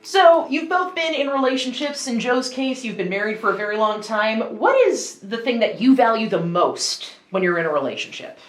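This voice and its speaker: A woman's voice: on the high side, expressive, moderate pace, hardly any pauses. A woman casually hosting a challenge, guiding guests and posing questions. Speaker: challenge host. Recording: echoey room.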